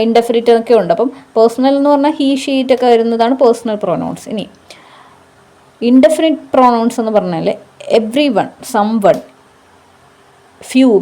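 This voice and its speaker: A woman's voice: fairly high pitch, warm tone. A woman teaching a grammar lesson for exam coaching. She explains patiently, asks rhetorical questions and often checks in with "okay".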